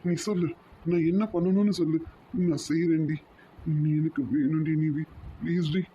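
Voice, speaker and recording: A man's voice: fairly high pitch, fairly even intonation, normal speed, dark tone, lo-fi sound, a little hiss or hum, lightly acted. A man voicing a remorseful young man in a cartoon drama, pleading and apologetic.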